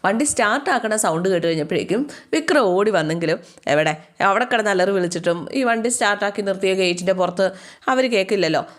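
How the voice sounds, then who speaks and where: A woman casually retelling a TV serial episode, chatty and lively as she acts out the characters' lines. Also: mid-range voice, quick pace. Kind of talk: casual storytelling recap with acted quotes.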